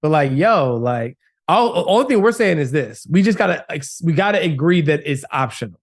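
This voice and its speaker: A man's voice: fairly high pitch, expressive, normal speed. Emphatic man, podcast co-host. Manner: emphatic, preachy, keeps asking "right?". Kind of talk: casual podcast chat.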